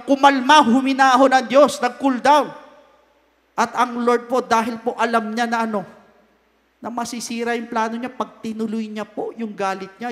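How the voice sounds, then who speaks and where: High-voiced Filipino male preacher. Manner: emphatic, swings between loud and soft; mixes Tagalog and English. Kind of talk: sermon. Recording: long hall reverb.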